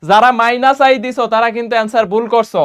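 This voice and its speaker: A young male teacher with a high, smooth voice walks students through a math lesson. He fires quick questions at them and drops English terms into his explanations. He sounds a bit worn out, with less energy than usual. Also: fairly even intonation, fairly bright tone. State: tired and a little low on energy after a run. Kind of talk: exam-prep math lesson.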